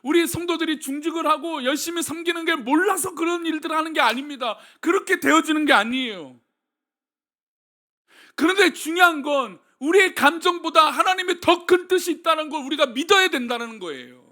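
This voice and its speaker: Pastor guy preaching a sermon, really high and bright voice, asks the church lots of questions. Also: a little fast. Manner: preaching with rhetorical questions to the congregation; lively, swings between soft and loud delivery. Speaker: senior pastor.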